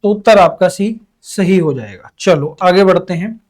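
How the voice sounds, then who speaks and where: A man's voice: high voice, normal speed, a little mellow. A young man teaching an exam-prep Hindi lesson, asking questions and answering them himself in his students' voices, stretching out key words.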